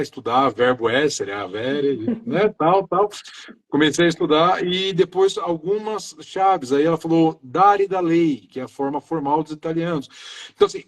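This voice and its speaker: A middle-aged man from Brazil, a maintenance engineer, talking earnestly in a casual live interview, stringing his thoughts together loosely. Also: a little high. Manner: earnest, talks in loose chains of "então" and "né".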